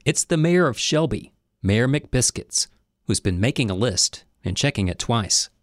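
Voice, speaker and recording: A man's voice: mid-range voice, animated, unhurried, no room sound, studio quality. A man narrating a comedy story in a wry, conversational way.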